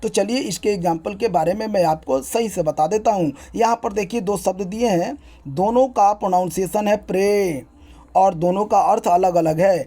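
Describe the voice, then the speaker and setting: A young man with a high-pitched voice and dark tone teaches an English grammar lesson, spelling words out letter by letter. His explanations are brisk, repetitive, and teacherly.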